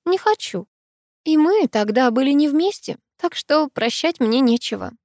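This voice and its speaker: A woman's voice: high-pitched, expressive, a little slow, darkish tone, no echo, studio quality, pitched above the performer's own voice. A woman voicing a hurt young female student who presses with pointed questions, in an audiobook. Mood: heartfelt.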